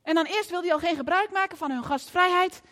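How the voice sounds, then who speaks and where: A woman preacher delivering a lively storytelling sermon in a church, often asking the audience questions. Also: very high-pitched, brisk, long reverb tail.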